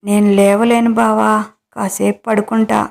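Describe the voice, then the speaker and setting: A tired, sulky young woman who talks in a whiny, pleading way, as a woman reads her in a romance audio story. Her voice sits at a middle pitch. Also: flat delivery, unhurried, gravelly, darkish tone.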